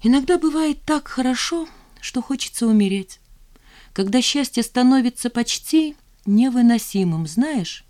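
A woman's voice: on the high side, animated, a little slow, darkish tone, voice pushed up. Proud, moody young woman with a dry, sarcastic edge, read by a woman narrator for an audiobook. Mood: tender. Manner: sullen, sarcastic. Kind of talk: audiobook dialogue reading.

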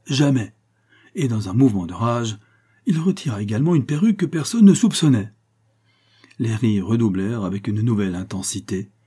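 Mellow, husky male storyteller. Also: mid-range voice. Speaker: narrator. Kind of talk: storybook reading.

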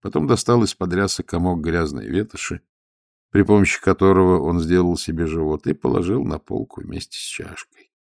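A man reading a story aloud in steady scripted narration. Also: low voice, fairly quick, vocal fry, no room sound, clean studio sound. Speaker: audiobook narrator.

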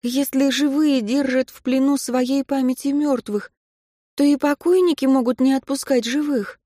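A woman's voice: high voice, steady tone, normal speed, mellow, no echo, pitched above the performer's own voice, natural voice. A woman reading an audiobook, voicing a young woman in love who speaks earnestly and pleads. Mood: pleading.

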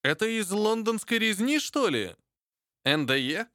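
A man's voice: sits high, sing-song, measured pace, pushed and bright, dry recording, clean studio sound, full character voice. An actor playing a talkative young male hunter in an audiobook, joking and full of gossip. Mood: chatty.

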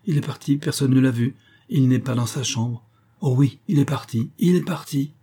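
A man voicing a pale young maid, speaking quietly and strangely in an audiobook reading. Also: medium pitch, moderate pace, slightly rough, pitched above the performer's own voice, lightly acted. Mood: agitated. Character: pale, unsettled young maid, recovering from illness.

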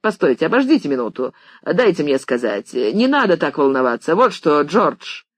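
A reader voicing an impatient American businessman with a high, slightly nasal voice, talking in clipped bursts on a phone line in an audiobook. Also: very animated, fairly quick, dry recording. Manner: brusque, clipped, shouting.

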